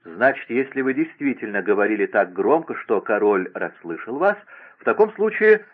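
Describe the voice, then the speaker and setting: A man's voice: mid-range voice, big pitch swings, normal speed, breathy edge. A man reading aloud and voicing an imperious, scheming young princess who gives orders in a raised, insistent voice. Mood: commanding. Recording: tinny phone-like radio broadcast.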